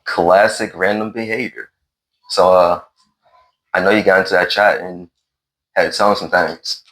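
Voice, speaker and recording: A man's voice: sits low, fairly even intonation, moderate pace, fairly bright tone, rough recording. A man hosting a casual gaming conversation, asking questions and teasing his friend in a laid-back way. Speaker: podcast host.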